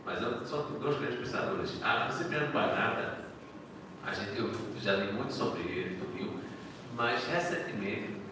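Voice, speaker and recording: Lively professor in an echoey hall. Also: male voice, lowish voice, normal speed. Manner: conversational, enthusiastic, frequent restarts. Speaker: history professor. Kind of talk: informal academic talk at a panel. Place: lecture hall. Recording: echoey hall, distant mic, background noise.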